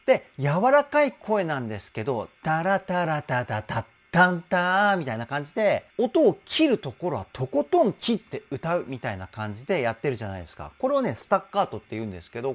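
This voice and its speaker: A male vocal trainer giving an enthusiastic, explanatory song analysis and now and then singing short phrases to demonstrate. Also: a little high.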